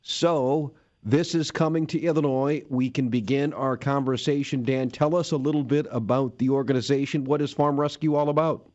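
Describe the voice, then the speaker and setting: A man's voice: medium pitch, fairly even intonation, normal speed, darkish tone, no echo. A man with an American accent hosting a radio farm news and market report. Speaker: radio host. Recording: dull lo-fi radio audio.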